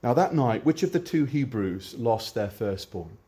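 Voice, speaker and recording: A man preaching a sermon with passion, rising to loud declarations and dropping to quiet, conversational storytelling. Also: medium pitch, expressive, moderate pace. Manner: impassioned, swings between loud exclamation and quiet storytelling.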